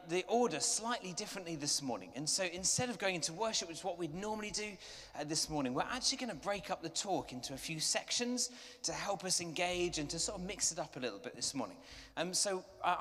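A man's voice: on the high side, in a large hall. A man leading an online church service in a chatty, joking way. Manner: chatty, jokey, then hushed in prayer. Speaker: service leader.

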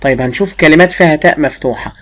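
A woman teacher with an Egyptian Arabic accent, giving a first-grade lesson and drilling a pupil with repeated questions while drawing words out slowly. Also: sits low. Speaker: primary school teacher.

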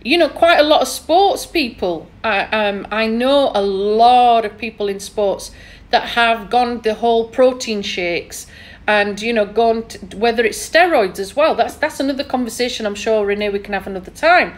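A woman's voice: on the high side, normal speed. A woman with a thick Yorkshire accent, hosting a casual interview in a chatty, opinionated, emphatic way. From England. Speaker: podcast host.

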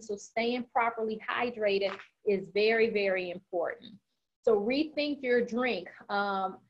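A woman dietitian giving an informal talk on healthy eating, chatty and full of "um" fillers. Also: fairly high pitch. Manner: chatty, many "um" fillers, says she is talking fast. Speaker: registered dietitian presenter. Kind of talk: informal nutrition presentation. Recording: slightly dull lo-fi online meeting audio.

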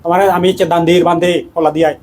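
A man, a Buddhist monk, giving a dhamma talk in a quick, conversational preaching manner with laughs. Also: a little high, little pitch movement, darkish tone.

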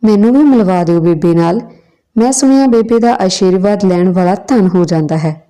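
A woman's voice: medium pitch, normal speed, warm tone, close to an everyday voice. Woman voicing a cheeky schoolboy, earnest, storybook telling.

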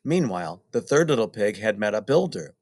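Male storybook reader, middle-aged: deliberate, very lively intonation, close dry sound. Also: fairly low pitch, dry recording. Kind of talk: expressive children's story narration.

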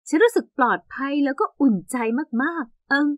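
A young woman narrating an animated story in the first person with lively, exaggerated storytelling. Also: high-pitched, brisk, no room sound, clean studio sound.

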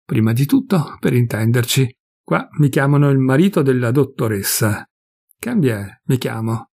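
A big, jovial fellow in his fifties, voiced by a man reading a story aloud, spilling confidences with smug good humour. His voice has a gravelly edge. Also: medium pitch, expressive, moderate pace, darkish tone. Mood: chatty. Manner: gossipy, confiding, pleased with himself.

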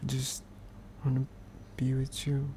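Slow, mellow British boyfriend in ASMR role-play. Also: male voice, mid-range voice, completely flat delivery, creaky, a little hiss or hum. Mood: tender, pleading. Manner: intimate, affectionate, playfully pleading. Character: needy, clingy, playful young boyfriend.

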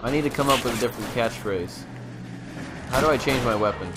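Speaking briskly in a mid-range voice, a gamer walks through a video game with playful, slangy, casual commentary, exclaiming and occasionally swearing. Behind him are game music and vehicle sounds.

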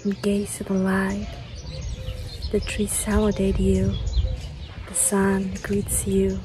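A middle-aged woman guides a meditation very slowly and gently, leaving pauses between short, repeated phrases and slipping into chanted made-up syllables. Her pitch sits in an ordinary female range. She is outdoors, with clear ambient noise and birds chirping around her. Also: completely flat delivery. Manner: slow, gentle, soothing, with repetition and long pauses. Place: outdoors in a garden among trees.

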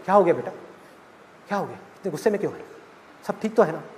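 A man's voice: high-pitched, expressive, quick pace, big-room sound, slight background noise, voice pushed down. A man doing a worried, placating father. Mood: soothing. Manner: soothing, placating. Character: worried, meek father of a grown daughter.

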